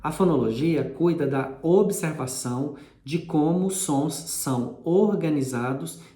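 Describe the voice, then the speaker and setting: A man's voice: a little high, unhurried, dark tone. Man, teacher, patient explaining, repeats terms, echoey room. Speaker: linguistics teacher. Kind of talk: explanatory lesson.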